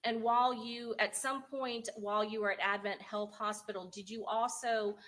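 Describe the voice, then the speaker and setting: A woman prosecutor questioning a witness in a courtroom recording, formal and measured with the odd um. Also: on the high side, little pitch movement, fairly bright tone. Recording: courtroom recording with faint room noise.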